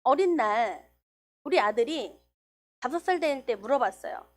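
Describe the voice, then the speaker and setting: A middle-aged woman preaching a church sermon, telling a story with lively quoted dialogue. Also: a little high, unhurried.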